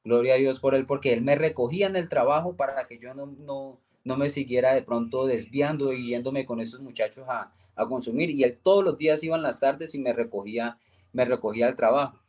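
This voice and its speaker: A man's voice: a little fast, darkish tone. A young man giving a personal faith testimony, earnestly retelling events and acting out the dialogue. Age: young adult. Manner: earnest storytelling, acts out quoted dialogue with raised pitch. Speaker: guest giving a religious testimony.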